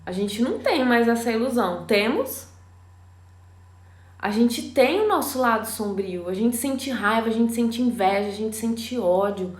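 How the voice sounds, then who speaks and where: A Brazilian woman with a Brazilian Portuguese accent speaks on a live stream, a parenting educator addressing parents directly. Her voice sits fairly high, and she keeps it animated with rhetorical questions. The room gives her voice a noticeable echo. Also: a little slow.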